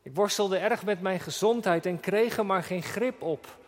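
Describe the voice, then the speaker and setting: A man preaching a sermon earnestly, slowing down when he quotes scripture. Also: high-pitched, long reverb tail. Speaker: pastor.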